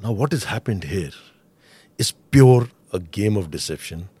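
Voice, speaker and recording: A man's voice: lowish voice, expressive, a little slow, warm tone, breathy edge, no echo. A middle-aged man with an Indian accent explains intelligence matters as a guest expert, mixing Hindi and English as he goes. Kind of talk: explanatory interview analysis.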